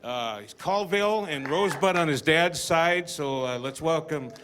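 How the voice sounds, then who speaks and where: A man as emcee, introducing the next performer in an announcing, slightly halting way. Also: on the high side. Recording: loud live crowd and noise.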